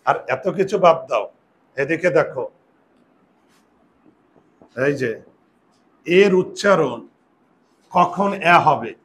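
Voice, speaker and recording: A man with a fairly high voice teaching a classroom lesson. He explains each step slowly and keeps quizzing his students as he goes. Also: expressive. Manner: explanatory, asks the class questions. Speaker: Bengali grammar teacher.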